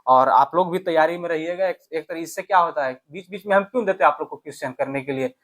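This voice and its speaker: A maths teacher talks at a quick pace in a slightly high, fairly bright voice. He explains exam questions step by step and keeps checking with listeners through short tag questions.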